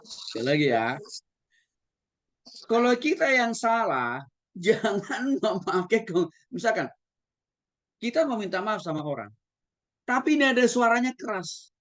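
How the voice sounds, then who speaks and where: A man who is a pastor, lecturing at a Bible school in an animated way and often addressing his listeners directly. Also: high voice, unhurried, long pauses. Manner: animated, demonstrates tones of voice, addresses the audience often. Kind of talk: theology lecture.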